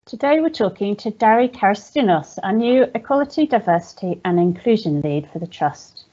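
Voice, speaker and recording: A woman's voice: mid-range voice, lively intonation, fairly quick, warm tone, lo-fi sound. A woman hosting a podcast interview, asking friendly, encouraging questions. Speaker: podcast host.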